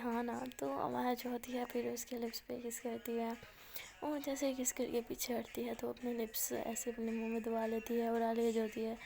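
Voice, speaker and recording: A woman's voice: fairly high pitch, mellow, a little hiss or hum. A young woman chatting through a love story as a storyteller, mixing in English words. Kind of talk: casual story narration.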